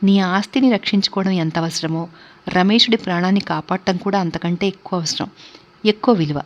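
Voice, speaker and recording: Brief: woman reading as a patient old aunt, low, soothing voice, dull lo-fi sound. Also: a little fast, natural voice. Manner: soft, soothing, calm. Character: gentle wise elderly aunt, calm and patient. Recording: dull lo-fi recording.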